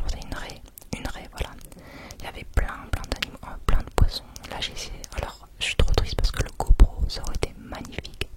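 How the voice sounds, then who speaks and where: A woman whispering a chatty, rambling ASMR travel vlog, quiet and gentle as if at night. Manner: chatty, rambling, informal with repeated words. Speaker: vlogger.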